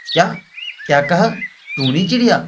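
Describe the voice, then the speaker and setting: A man's voice: high-pitched, animated, moderate pace, background noise. Man voicing an eager boastful crow, birdsong behind. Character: gullible, boastful male crow, eager mimic. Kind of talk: Hindi cartoon voice acting. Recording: constant birdsong and clicks behind voice.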